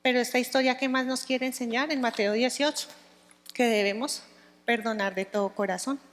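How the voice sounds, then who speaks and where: A woman's voice: a little high, fairly even intonation, moderate pace. Woman teaching Bible study in a hall. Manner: conversational, checks in with listeners. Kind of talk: Bible teaching to a women's group.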